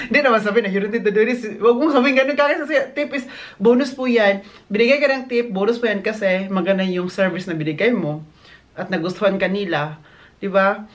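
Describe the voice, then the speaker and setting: A man's voice: high voice, a little fast, a bit bright. A man from the Philippines who works in a hotel, chatting casually to his phone camera and acting out what guests said. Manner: chatty, mixes English into Tagalog, acts out quotes. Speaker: hotel worker vlogger. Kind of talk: casual vlog chat. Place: hotel, indoors.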